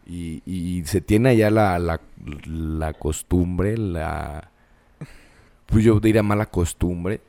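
A man's voice: low voice, slow pace, vocal fry, warm tone, no echo. A man with a Mexican accent, co-hosting a casual podcast and telling stories in a laid-back, slangy way. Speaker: podcast co-host. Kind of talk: casual chat.

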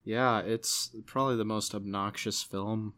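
A man's voice: fairly low pitch, fairly even intonation, unhurried, a bit bright. A young man co-hosting a casual film review podcast, hesitant and searching for words as he gives his take. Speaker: podcast co-host.

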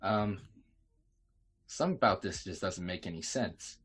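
Low-voiced man playing a tabletop game. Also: moderate pace, a bit bright, breathy edge. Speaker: player.

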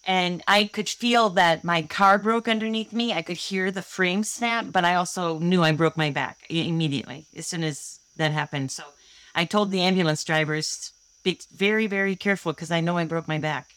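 On a dry recording, a lowish, fairly bright voice with a clear, resonant tone speaks at a moderate pace. She is an inventor in her sixties from Holland, Michigan, in the USA, sharing her personal story openly and sincerely as an interview show guest.

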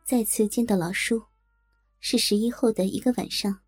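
A woman reading a first-person adult audio novel in a steady, intimate storytelling manner. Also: medium pitch, normal speed, husky, dry recording, faint music behind. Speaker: narrator.

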